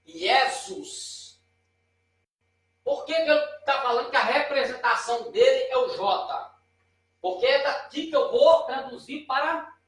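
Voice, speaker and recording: In a very echoey room, a man with a Brazilian Portuguese accent teaches informally at a board, pointing and self-correcting as he explains. His very high voice is a bit bright and recorded from a distance.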